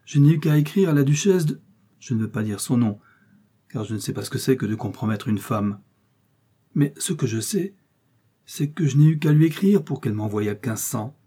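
A man's voice: mid-range voice, lively intonation, moderate pace, warm tone, slightly rough, voice pushed up. A man voicing a vain, boastful musketeer who speaks in a pompous, self-important manner, in a storybook reading. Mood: aggrieved.

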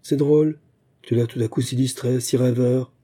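A man's voice: mid-range voice, steady tone, moderate pace, warm tone, husky, natural voice. A man reading the part of a sly, calculating young actress in an audiobook, with a chirpy, coaxing manner.

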